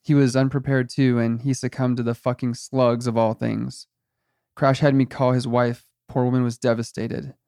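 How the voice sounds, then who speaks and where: A man's voice: medium pitch, flat delivery, moderate pace, gravelly, warm tone, dry recording, clean studio sound, lightly acted. A man doing a goofy, eager teen stoner. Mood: exasperated. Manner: cheerful, chatty, endlessly nice. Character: goofy, eager teenage male weed farm guard.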